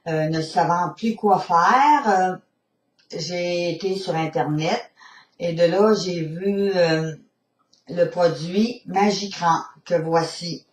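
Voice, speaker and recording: A woman's voice: fairly low pitch, slow. A woman with a Québécois accent giving a hesitant, filler-filled testimonial, recorded from a distance in a roomy space. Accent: Québécois French. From Quebec. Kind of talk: spoken testimonial.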